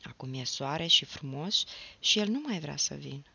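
A woman reading a novel aloud as an audiobook, in a measured storytelling manner. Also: sits low, lively intonation, vocal fry, bright, forceful tone, slightly rough, highs cut off. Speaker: audiobook reader.

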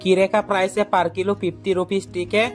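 A man's voice: sits high, level tone, a little fast, over music. A young man chatting to his viewers while vlogging through an outdoor market, talking into a phone held at arm's length. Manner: chatty, addresses viewers as guys, asks prices. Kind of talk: casual market vlog narration.

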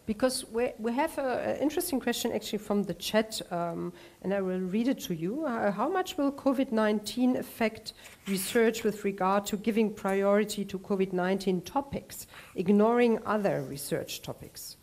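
Brisk woman moderating a panel. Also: medium pitch, expressive, darkish tone. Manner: brisk, prompting. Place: large room with a seated audience. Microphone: clip-on lapel mic.

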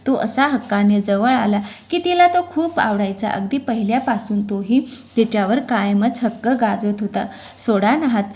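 A woman reading a romantic story aloud in a gentle, expressive narration. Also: medium pitch, moderate pace.

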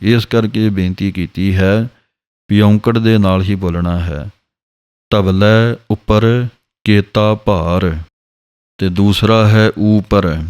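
A man with a Punjabi accent, teaching scripture pronunciation in a slow, patient way and spelling out each syllable. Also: fairly low pitch, fairly even intonation, a little mellow, clean tone. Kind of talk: slow, careful pronunciation lesson.

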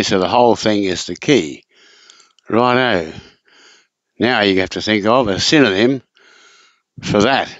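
A man's voice: sits low, fairly bright tone, dry recording. A man tutoring in a casual spoken lesson, patient and repetitive, often circling back over points in a dull, lo-fi recording. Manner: patient, repetitive, drawn-out explaining.

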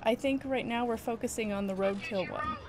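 A woman's voice: fairly high pitch, brisk. Giggly woman explaining game quests. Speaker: let's play co-host. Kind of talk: casual gameplay chat. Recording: game music playing behind.

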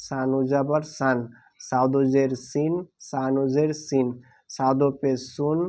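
A man teaching Quran reading with a Bangladeshi Bengali accent, spelling out letters and vowel marks syllable by syllable in a slow, deliberate lesson. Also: mid-range voice, flat delivery, darkish tone. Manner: slow, drawn-out, deliberate delivery.

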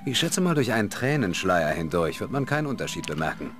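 A young adventurer in a fantasy game, cheeky and a little hesitant. His voice is slightly low, with very lively intonation. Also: fast, faint music behind. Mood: sly, coaxing. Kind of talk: fantasy video game acting.

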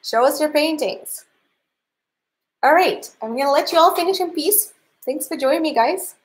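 A Canadian woman in her thirties, Russian-accented, chats cheerfully and warmly as she concludes a livestreamed painting class she teaches from an indoor home art studio. She speaks at a normal speed in a high voice with lively intonation.

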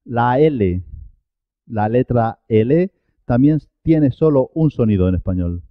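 A man teaching Spanish pronunciation, slowly repeating each example word with careful articulation. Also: medium pitch, animated, dry recording. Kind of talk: pronunciation lesson. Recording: dull, dry lo-fi sound.

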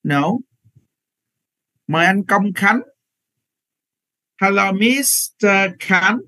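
A man's voice: sits high, expressive, extremely slow, sharp tone, rough recording. A man teaching English pronunciation in a live online class, repeating words patiently and correcting learners over a computer microphone.

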